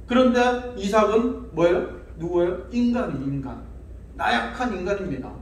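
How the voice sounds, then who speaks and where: A male pastor preaching a conversational sermon, often asking the congregation questions and acting out quotes. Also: high voice. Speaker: senior pastor. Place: church sanctuary. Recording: echoey church hall, distant mic.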